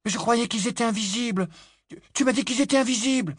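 A man's voice: extremely high pitch, quick pace, husky, dry recording, studio quality, pitched above the performer's own voice. A man doing an anxious little boy. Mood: worried. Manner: worried, stammering. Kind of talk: audiobook character voice.

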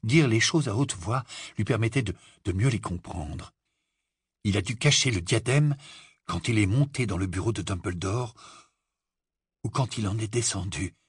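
A man reading a fantasy novel aloud in steady, measured scripted narration. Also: lowish voice, slightly rough, dry recording, studio quality. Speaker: audiobook narrator.

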